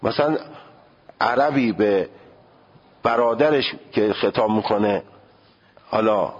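A man's voice: on the low side, husky, lo-fi sound. A male seminary teacher giving a jurisprudence lecture, questioning his students and sounding out pronunciations as he goes.

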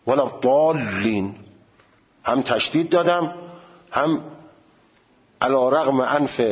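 A man teaching the rules of prayer recitation, reciting Arabic examples with drawn-out vowels and jumping up in pitch to stress his points. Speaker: religious teacher. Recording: dull lo-fi recording.

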